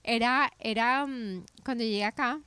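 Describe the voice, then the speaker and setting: Lively woman telling her story. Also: fairly high pitch, unhurried, clear, resonant tone, no echo. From Colombia. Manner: animated storytelling with many restarts and self-corrections. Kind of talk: casual faith podcast chat.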